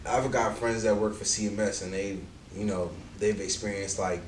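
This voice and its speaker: A man's voice: fairly low pitch, steady tone, normal speed, slight background noise. Man, teacher, laid-back rambling chat, swears casually, distant mic, roomy echo. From New York. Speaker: guest, middle school teacher.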